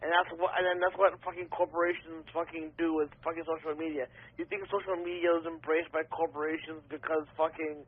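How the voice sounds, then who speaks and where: A man's voice: fairly high pitch, flat delivery, a little fast, few pauses, husky. A man talking casually as a podcast guest, rambling and swearing a lot. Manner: profane, rambling conspiracy talk. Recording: tinny phone line.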